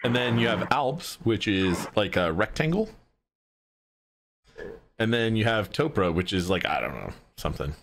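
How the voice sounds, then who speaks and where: Laid-back man with a very deep voice. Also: very animated, normal speed, long pauses, fairly bright tone. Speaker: podcast co-host. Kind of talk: casual chat.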